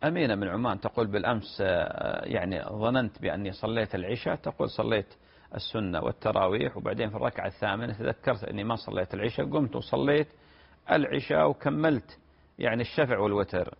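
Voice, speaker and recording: A man, answering listeners' religious questions on a broadcast program in a measured, explanatory way that often repeats phrases. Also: lowish voice, creaky, slightly rough. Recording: dull lo-fi broadcast audio.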